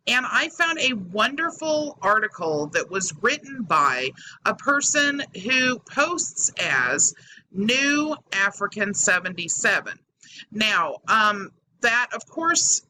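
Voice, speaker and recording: A woman's voice: on the high side, bright, forceful tone. A woman hosting a YouTube commentary, talking casually to subscribers, her voice metallic and hollow as if through a faulty microphone. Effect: metallic, tinny, hollow sound from faulty microphone. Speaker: YouTube host. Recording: tinny hollow microphone, fan noise behind. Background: whirring fan.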